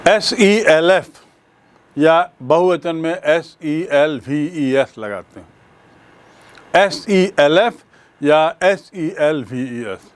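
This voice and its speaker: Male grammar teacher, slightly high voice, very slow and deliberate, spells words out. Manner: slow, deliberate explaining with spelled-out letters and examples. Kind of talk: bilingual classroom lecture.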